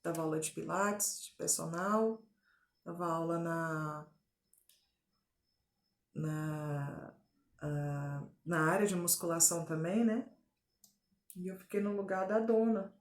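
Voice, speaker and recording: A woman with a Brazilian Portuguese accent giving a personal faith testimony at home, telling her story earnestly and deliberately with frequent tag fillers. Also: lowish voice, fairly even intonation. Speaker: testimony giver. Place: at home, indoors. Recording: echoey home room. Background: faint drill noise.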